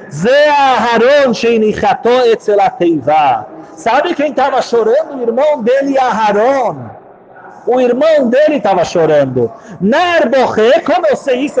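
A man teaching a Torah class, chanting Hebrew verses slowly and explaining them with rhetorical questions. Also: high voice, a little mellow. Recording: muffled lo-fi recording.

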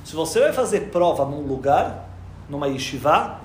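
Lively man telling a religious story. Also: fairly high pitch, normal speed, reverberant, slight background noise. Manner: lively storyteller, acting out dialogue with quoted voices, swings from hushed to loud. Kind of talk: storytelling talk to a religious audience.

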